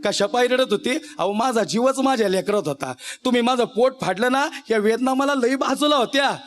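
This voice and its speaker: A man's voice: extremely high pitch, lively intonation, fairly quick. A man voicing a devoted village mother. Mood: earnest. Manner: earnest, heartfelt.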